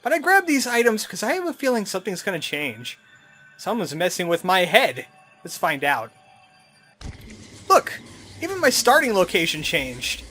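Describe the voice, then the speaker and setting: A gaming video host voices Let's Play commentary full of teasing sarcasm, his mid-range, sharp voice swooping wildly in pitch. He keeps a normal speed but leaves long pauses, with adventure game music in the background.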